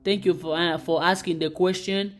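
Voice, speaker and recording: Her voice fairly low and her pace moderate, a woman leads a motivational livestream where she chants affirmations over and over, breaks into excited cheers, and encourages viewers to join and send questions. There's a roomy quality to the audio.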